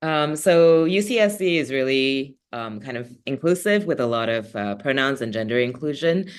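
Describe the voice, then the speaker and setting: A young man, a graduate mentor, speaking in a relaxed, hesitant way with many fillers. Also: medium pitch, moderate pace, smooth. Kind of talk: casual presentation.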